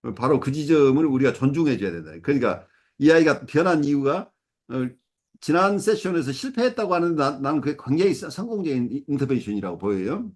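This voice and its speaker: A man's voice: fairly high pitch, big pitch swings, fairly quick. A middle-aged man supervising a case, explaining step by step with many fillers and self-corrections. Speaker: psychoanalysis supervisor. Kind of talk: explanatory teaching talk.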